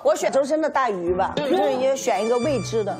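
Brief: female, very high-pitched and expressive, playful variety show teasing over loud music and crowd noise. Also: brisk. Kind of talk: casual variety show banter.

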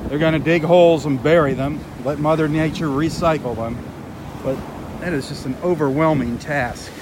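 A beach walk video host with a slightly high voice and fairly even intonation gives live commentary at a normal pace, earnest and dismayed. He walks a windy shore by the surf, and wind and waves come through on the mic.

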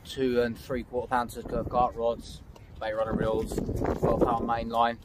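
A man's voice: medium pitch, monotone, unhurried. Chatty man fishing outdoors. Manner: chatty, matter-of-fact, talks to camera while fishing. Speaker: angling vlogger. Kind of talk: outdoor fishing vlog narration. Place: windy lakeside outdoors. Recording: outdoor mic with faint wind noise.

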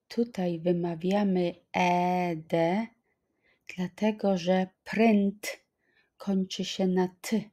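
Very slow, mellow-voiced woman teacher. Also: on the low side. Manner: deliberate, repeats each phrase twice. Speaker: language teacher. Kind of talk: slow flashcard-style language lesson.

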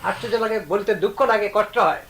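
High-voiced man preaching emphatically. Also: brisk, fairly bright tone, rough recording. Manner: rhetorical, emphatic questioning. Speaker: Vaishnava preacher. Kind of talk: devotional discourse.

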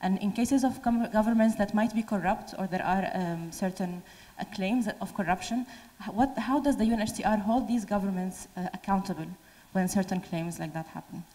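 A woman's voice: medium pitch, normal speed, dark tone. A woman from Syria, a PhD researcher, politely asking a careful question into a handheld mic in a large lecture hall. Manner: polite, careful, slight restarts. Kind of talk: formal audience question. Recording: long hall reverb.

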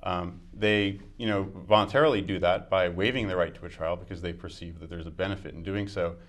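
A man in his forties from the United States, a judicial candidate, answers interview questions in a low, fairly even voice at a brisk pace. He's fluent and argumentative with some fillers, recorded on a lapel mic in a small studio with dark curtains.

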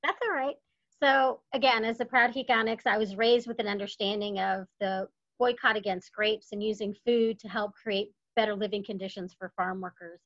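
A woman's voice: mid-range voice, steady tone, normal speed, fairly bright tone. A woman in her fifties from Texas, speaking as a panelist on a video call from home, telling her story in an earnest, reflective way. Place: home room, indoors. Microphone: webcam on video call. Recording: dull lo-fi call audio.

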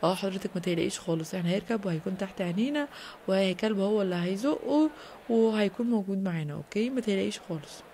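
A woman with an Egyptian Arabic accent voicing a male sled race organizer in a toy play video, in a lowered, coaxing voice. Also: rapid-fire, dark tone, a little hiss or hum, close to an everyday voice. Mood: reassuring.

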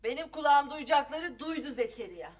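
A sharp-tongued, high-voiced mother. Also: animated, normal speed. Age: middle-aged. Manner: scolding, sharp-tongued, flares into shouting. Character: Safiye, fiery middle-aged mother and wife. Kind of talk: TV comedy-drama acting.

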